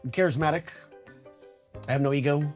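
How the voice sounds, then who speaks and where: A man's voice: a little high, a little fast, faint music behind. A man trading playful jabs with a host and defending himself with a laugh. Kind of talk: casual comedic chat.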